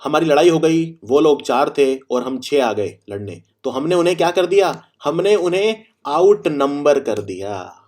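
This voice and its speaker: A man teaching vocabulary. He explains each word through everyday examples, repeats key phrases, and reads the example sentences slowly and deliberately. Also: a little high, lively intonation, darkish tone. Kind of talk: Hindi-English vocabulary lesson.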